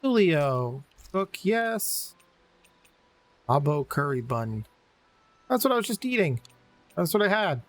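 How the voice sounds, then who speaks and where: A man commentating his game play-through with loud, jokey, animated reactions. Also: on the high side, slow, pauses often, dry recording. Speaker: let's play host. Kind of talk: gaming commentary.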